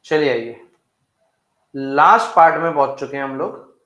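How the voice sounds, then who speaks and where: A man's voice: mid-range voice, sharp tone. Man teaching chemistry in an echoey room. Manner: bantering with students, repeats key terms slowly. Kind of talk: live class teaching.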